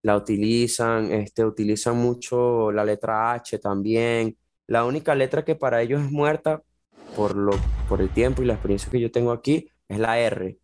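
Relaxed young Venezuelan guy for podcast guest, easygoing talk full of fillers, mid-range voice. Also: mid-range voice, moderate pace. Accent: Venezuelan Spanish. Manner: relaxed, chatty, many fillers like "bro" and "este". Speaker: guest, jiu-jitsu athlete. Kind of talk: casual podcast conversation.

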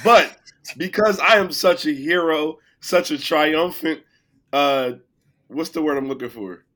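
Male podcast co-host with a sick, cracking voice; bright, high-ish tone, loud when excited. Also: measured pace. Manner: playful, boastful, gets loud when excited. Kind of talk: casual sports chat.

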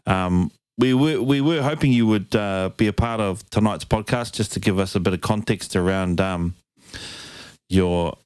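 A man's voice: fairly low pitch, moderate pace, a little mellow, smooth, no room sound. A man hosting a casual chat podcast in a laid-back, slangy way. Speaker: podcast host.

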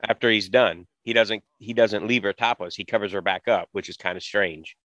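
A man's voice: on the low side, fairly even intonation, brisk, fairly bright tone, no echo, lo-fi sound. A man co-hosting a podcast, chiming in with agreement and personal anecdotes in casual movie chat. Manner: agreeable, chimes in, tells anecdotes. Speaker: podcast co-host.

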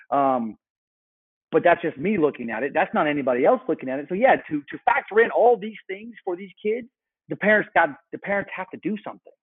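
A man in his thirties, a podcast guest, telling stories in a casual chat with animated asides. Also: a little high, breathy edge. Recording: muffled phone-like line.

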